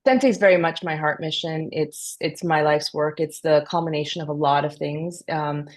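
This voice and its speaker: A woman's voice: low voice, normal speed. A woman who grew up in Canada after being born in Peru, a company founder speaking thoughtfully as a podcast guest. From Peru, raised in Canada. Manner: thoughtful, earnest. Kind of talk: conversational interview.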